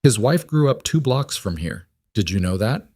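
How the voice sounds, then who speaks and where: A man voicing a weary, steady woman who runs a youth center, speaking quietly, dryly and bluntly. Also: lowish voice, moderate pace, no room sound, studio quality.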